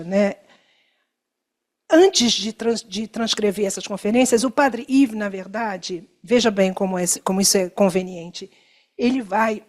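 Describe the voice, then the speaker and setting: A Brazilian Portuguese-accented woman giving an academic workshop talk, wandering through fillers and self-corrections and checking in with the audience, slowing down to stress key terms. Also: medium pitch. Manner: discursive, many fillers and self-corrections, asks listeners "né?". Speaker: academic speaker. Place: lecture room.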